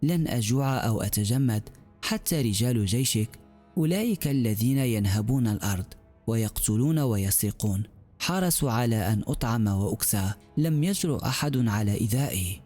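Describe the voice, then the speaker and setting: Gentle young female healer read by a man, earnest, calm, reasoning, mellow tone. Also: medium pitch, brisk, soft background music, natural voice.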